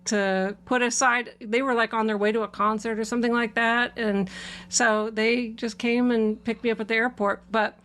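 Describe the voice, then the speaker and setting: A middle-aged woman from Washington State, USA, hosts her channel and casually tells stories about her past, chatty and laughing frequently with many fillers. Her voice is a little high and a bit bright, with flat delivery at normal speed.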